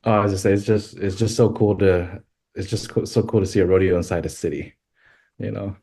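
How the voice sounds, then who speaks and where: On a podcast, a Western filmmaker from Thailand speaks as a guest in a deep, low, mellow voice with a breathy edge. The interview is relaxed, and he talks haltingly, with lots of fillers and restarts.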